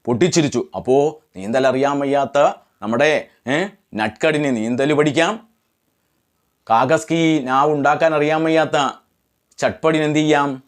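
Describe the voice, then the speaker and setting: A man's voice: fairly high pitch, a little slow, long pauses. A man teaching a lesson, translating line by line and asking questions that he answers himself. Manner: translates phrase by phrase, repeating words. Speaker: Hindi tutor.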